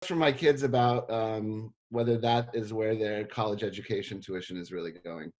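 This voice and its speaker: A middle-aged man from South Africa, talking casually in an interview, relaxed and self-deprecating with many fillers. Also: lowish voice, moderate pace. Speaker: history professor interviewed.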